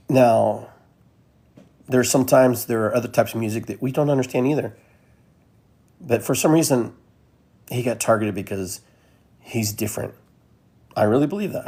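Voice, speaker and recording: A man's voice: mid-range voice, dark tone, breathy edge. A man from Peru hosting a podcast, talking in a loose, rambling monologue that keeps repeating phrases. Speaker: podcast host. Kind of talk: casual monologue.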